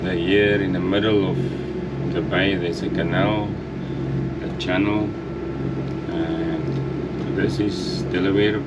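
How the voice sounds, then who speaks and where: A man's voice: deep voice, level tone, highs cut off. Chatty man filming on a sailboat. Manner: chatty, unhurried, chuckles often. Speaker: sailing vlogger. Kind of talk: casual vlog narration. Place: outdoors on a sailing catamaran. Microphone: action camera held at arm's length. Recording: loud wind and engine noise. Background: wind, water and boat engine.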